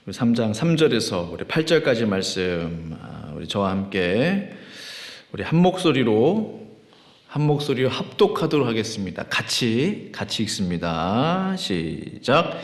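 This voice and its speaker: A man leading worship as pastor, reading scripture in a drawn-out chant, praying with fervent pleading, and preaching in a conversational way that asks the congregation questions. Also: fairly low pitch, sing-song. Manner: rising, fervent pleading in prayer. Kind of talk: sermon with scripture reading and prayer. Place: church sanctuary. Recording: echoey church hall with long reverb.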